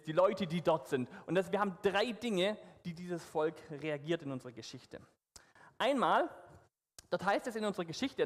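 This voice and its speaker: A man's voice: high-pitched, big-room sound. A man leading a church service as pastor, upbeat and coaxing as he talks the congregation through an interactive story. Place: church hall with stage.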